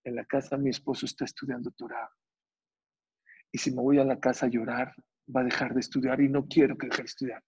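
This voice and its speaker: A man playing a tearful, childless young woman who pleads with her father, in a husky voice on a dull lo-fi recording. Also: medium pitch, little pitch movement, fairly quick, a little mellow, close to an everyday voice.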